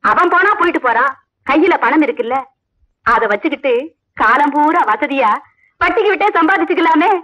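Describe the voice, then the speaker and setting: Woman acting as a scheming stepmother aunt, high voice, mocking and scolding, dull sound, music behind. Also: lively intonation, normal speed, pauses often, sharp tone. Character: scheming greedy stepmother aunt, sharp-tongued. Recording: dull audio with background music.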